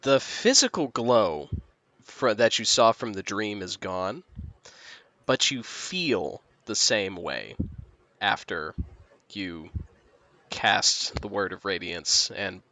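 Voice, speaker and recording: Slow, lively game master man. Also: on the low side, no echo. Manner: unhurried, descriptive, laughs easily. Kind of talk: narrating a tabletop game.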